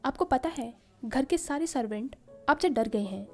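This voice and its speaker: A woman's voice: high voice, animated, normal speed, soft background music. Cheeky little sister, read by a woman. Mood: playful, cheeky. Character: cheeky spoiled young girl, little sister.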